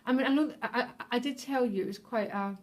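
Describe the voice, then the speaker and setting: A woman giving a tarot reading straight to her viewers, earnest and openly emotional, often pausing to check in with them. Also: on the high side. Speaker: tarot reader.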